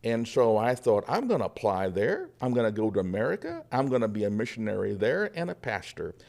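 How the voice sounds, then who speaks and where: A man's voice: medium pitch, very animated, a little fast, gravelly, darkish tone. A man playing a humble 1800s Norwegian pioneer pastor. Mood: storytelling. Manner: folksy storytelling with frequent uh fillers and chuckles. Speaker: guest, historical reenactor. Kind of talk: first-person historical character portrayal.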